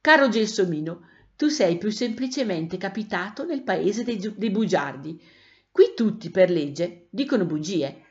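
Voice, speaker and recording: A thin little voice belongs to a lame chalk-drawn cat, put on by a woman storyteller, chatty and wise, with a slight cough. Its pitch rises and falls in lively swings. The recording sounds muffled and lo-fi. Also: measured pace, lightly acted. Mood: explaining. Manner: friendly, explaining. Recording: dull lo-fi recording.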